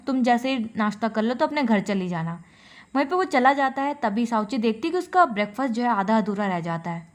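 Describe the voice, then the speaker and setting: A woman retelling a drama's plot in a casual, fast storytelling way, full of filler phrases. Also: a little high. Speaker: drama recap narrator.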